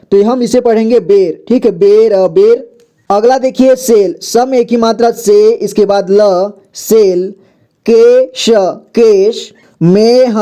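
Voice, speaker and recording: A man's voice: high-pitched, mellow. A man teaching a Hindi reading lesson, patiently sounding out each word and repeating it twice.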